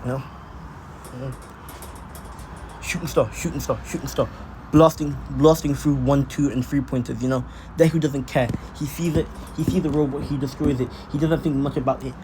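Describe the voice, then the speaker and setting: A man's voice: medium pitch, steady tone, fairly quick, background noise. A man casually narrating a fan-made story off the cuff, often restarting and repeating his phrases.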